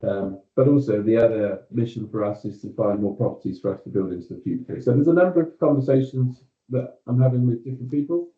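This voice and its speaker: A British man, a company executive, giving a staff meeting update on a video call, measured, with frequent ums and you-knows. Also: mid-range voice, echoey room, narrow, tinny audio.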